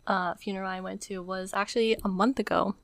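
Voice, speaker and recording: A young woman co-hosts a podcast, talking casually and emotionally, nearly in tears, with "like" in almost every phrase. Her mid-range voice is steady in tone, fairly quick, and creaky, captured in a dry recording.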